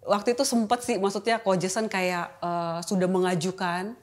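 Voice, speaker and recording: A woman's voice: mid-range voice, little pitch movement, normal speed. A middle-aged woman sharing a personal testimony as an interview guest, talking candidly and emotionally in a loose, colloquial way. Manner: candid and emotional, colloquial with frequent filler tags. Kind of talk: casual interview chat.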